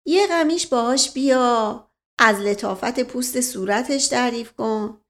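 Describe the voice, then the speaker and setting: A woman voicing a charming, smooth-talking older nobleman who coaxes and teases playfully in an audiobook. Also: a little high, close to an everyday voice. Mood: coaxing. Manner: coaxing, playful. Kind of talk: audiobook character reading.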